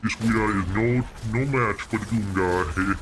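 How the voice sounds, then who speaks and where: Some guy putting on a super deep lisping doom slayer, all grand and pompous, noisy mic. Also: unhurried, natural voice. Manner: pompous, declaiming.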